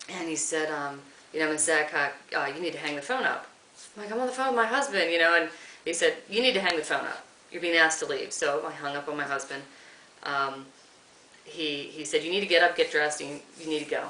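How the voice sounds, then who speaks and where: Woman, interviewee, halting and emotional, bright voice, recorded from afar in an echoey room with faint hiss. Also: low voice, recorded from a distance. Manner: halting, emotional, quoting others. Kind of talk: recounting an experience in an interview.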